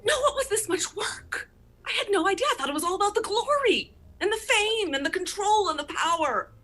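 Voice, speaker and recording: Woman doing an eager fussy housemate, bright bouncy voice, lots of um and uh. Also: very high-pitched, fairly quick, soft background music. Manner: lively, hesitant, full of fillers. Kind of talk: improv comedy scene.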